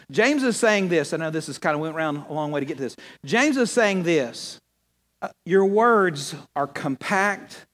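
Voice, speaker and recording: A man preaching a sermon, mixing a funny personal story with scripture, animated and laughing at his own punchlines. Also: fairly high pitch. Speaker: pastor.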